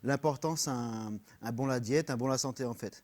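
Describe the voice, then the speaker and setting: A Frenchman with a medium-pitched voice and a French accent is a guest on a radio interview in a studio, where he is introduced as a personal trainer. He explains things earnestly but haltingly, uses lots of fillers, and switches to English words when searching for a term.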